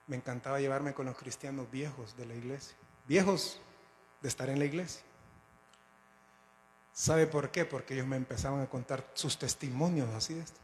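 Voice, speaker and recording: A man's voice: medium pitch, steady tone, moderate pace, a little hiss or hum. A man preaching a sermon, telling stories dramatically, his voice swelling and dropping to build suspense. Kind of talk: storytelling sermon. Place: church sanctuary. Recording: long church hall reverb.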